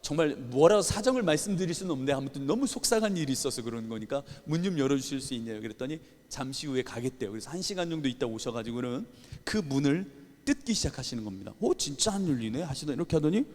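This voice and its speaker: Animated man preaching in a reverberant hall. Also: fairly high pitch, fast. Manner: animated storytelling, acting out his own anger and tears. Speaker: pastor. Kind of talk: sermon. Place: church sanctuary. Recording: church hall with long reverb.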